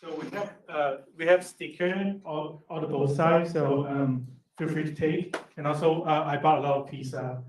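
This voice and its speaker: A man's voice: on the high side, fairly even intonation, normal speed, few pauses, a little hiss or hum. A man speaking casually and hesitantly, with many fillers, at a meetup. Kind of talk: casual remarks. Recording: echoey room, mic distant.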